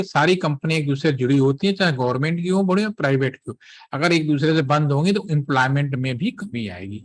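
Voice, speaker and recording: A man instructs trainees in a patient, step-by-step lecture. His voice sits a little high for a man, and he keeps pausing to check that everyone is following. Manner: explains step by step, checks in often with "theek hai".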